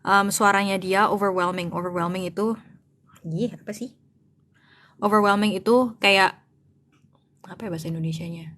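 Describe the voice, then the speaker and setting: A woman's voice: medium pitch, fairly even intonation, moderate pace, pauses often, a bit bright. A woman reading a novel aloud in English and translating it line by line into Indonesian. She talks casually, thinks aloud and searches for words, and mixes both languages freely. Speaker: online English-to-Indonesian tutor.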